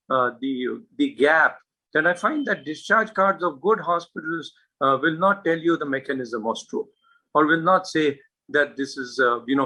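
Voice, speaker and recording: A man's voice: medium pitch, bright, forceful tone, breathy edge, rough recording. A man giving a medical lecture, earnest and emphatic, with frequent filler words and rhetorical questions. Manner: earnest, hesitant with frequent uh and you know fillers. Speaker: neurologist giving a talk.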